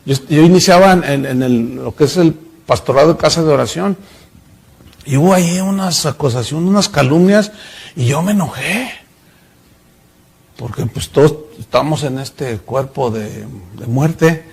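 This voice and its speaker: A man's voice: fairly high pitch, unhurried, gravelly, a little mellow, husky. A middle-aged male pastor preaching a sermon, telling stories and acting out the voices in them. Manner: storytelling preacher, acts out voices in anecdotes.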